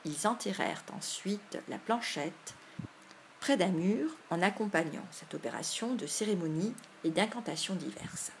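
A woman narrates a classic storybook in a measured, expressive way. Her voice sits on the low side for a woman. A faint hiss lies under it. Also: vocal fry. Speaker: audiobook reader.

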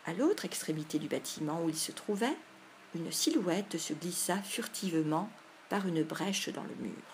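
Woman narrating a storybook, low-voiced. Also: expressive, normal speed, a little hiss or hum. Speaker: audiobook reader.

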